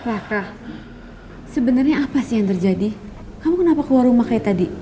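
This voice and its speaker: Kejora, a young woman in a TV soap, worried and insistent, as an actress plays her. Her voice is high and her questions come fast, with soft music underneath. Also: expressive, close to an everyday voice. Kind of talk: TV soap drama acting.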